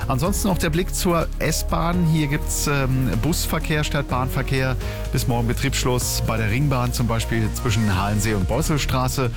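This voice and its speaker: Man, morning radio host, casual and chatty, talks straight to listeners, music playing clearly behind. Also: on the low side. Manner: relaxed, chatty, addresses listeners directly. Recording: radio studio with music bed.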